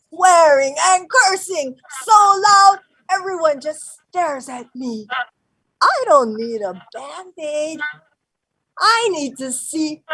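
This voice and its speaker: A fierce old grandmother, played by an actress on stage, her voice set high and swinging wildly up and down. She talks in slow, broken English, with bursts of shouting that drop into hushed murmurs. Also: heavily acted, low-quality recording. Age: older. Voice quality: broken English, shifting between shouts and whispers. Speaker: actor. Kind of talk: live-streamed stage play.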